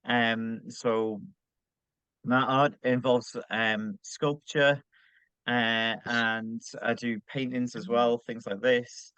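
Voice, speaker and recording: A man speaks very slowly and hesitantly, with many ums and uhs, as he introduces himself on a video call. His voice is smooth and clear. The sound is dry and dull, like muffled video-call audio. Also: mid-range voice, level tone, fairly bright tone, dry recording. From United Kingdom. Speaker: artist and coach.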